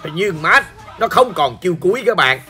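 High, bright-voiced hoarse Southern Vietnamese man. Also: very animated, brisk, a faint crowd. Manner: playful, joking, talks straight to viewers. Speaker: gaming channel host. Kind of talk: chatty gameplay commentary. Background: faint background music.

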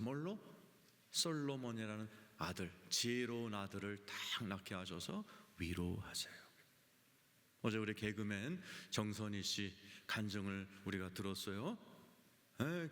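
Male pastor preaching, swings from loud to whispery, echo of a big church hall. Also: mid-range voice. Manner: animated preaching, acts out quotes, drops to whispers. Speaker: senior pastor. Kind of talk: sermon. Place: large church sanctuary.

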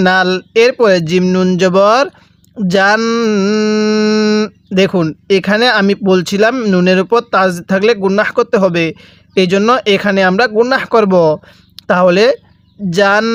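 A man's voice: sits high, no room sound, clean studio sound. A man teaching Quran reading, spelling out Arabic letters syllable by syllable and patiently asking the listener to repeat after him. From Bangladesh. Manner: patient, repeats slowly and asks listeners to read along; draws out sounds syllable by syllable. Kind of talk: step-by-step spelling lesson for reciting Arabic letters.

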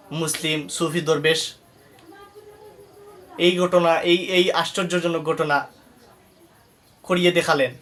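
A male Islamic preacher from Bangladesh tells a sermon story with emphatic, rising delivery. His voice sits a little high. He breaks off now and then into soft, murmured Arabic praises.

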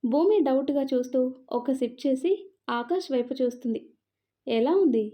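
High-voiced woman narrating a story. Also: moderate pace, warm tone.

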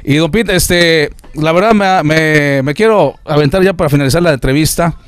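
A man's voice: a little high, moderate pace. A man, a radio announcer, chatting casually with many fillers. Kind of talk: casual chat.

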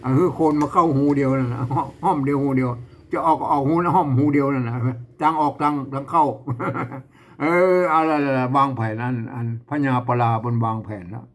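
A man teaching, chanting lines of verse and explaining them in a relaxed, chatty way with frequent laughs. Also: mid-range voice, moderate pace. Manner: laughs often while explaining.

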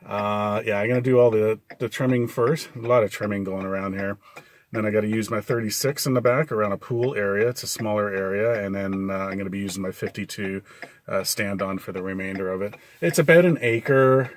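A middle-aged man with a fairly low voice talks casually to his vlog viewers. He is halting, often searching for the next word. He sits in the cab of a parked truck, with the steady clicking of hazard flashers in the background. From Canada. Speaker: lawn care vlogger. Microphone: camera at about arm's length. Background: clicking of four-way flashers.

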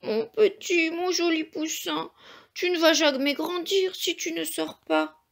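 A woman's voice: on the high side, big pitch swings, slow pace, full character voice. A woman voicing an anxious, loving mother hen who pleads tearfully with her egg. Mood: sobbing.

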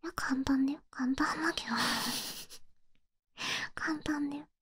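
A woman's voice: high-pitched, steady tone, measured pace, no room sound, studio quality. A woman in a whispered role-play, voicing a clumsy girlfriend who boasts in a hesitant, bashful, earnest way. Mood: flustered, boastful.

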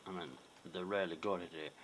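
Low-voiced man, noisy recording. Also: steady tone, brisk, fairly bright tone. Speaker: paranormal vlogger. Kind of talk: casual chat to viewers. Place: small dim room indoors at home. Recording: noisy, clicky home phone recording.

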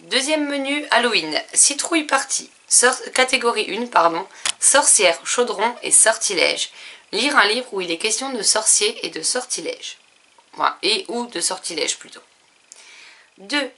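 A woman book vlogger chatting through a reading challenge list, pausing with fillers and correcting herself as she goes. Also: mid-range voice, animated, pushed and bright. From France. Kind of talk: casual book challenge presentation.

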